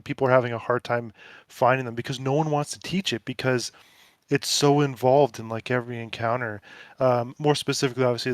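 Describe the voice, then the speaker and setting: A man in mid-range pitch chats casually on a gaming podcast. He rambles and restarts his sentences, leaning on filler words. The sound is close and dry. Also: dry recording. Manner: rambling, filler-heavy, stressed about a game raid. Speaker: podcast co-host. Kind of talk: casual chat.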